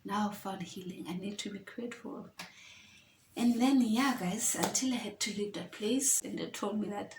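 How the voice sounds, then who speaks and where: A woman's voice: mid-range voice, normal speed, background noise. Chatty woman vlogger in an echoey room. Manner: emotional, chatty, addresses viewers as guys. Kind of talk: personal story-time vlog.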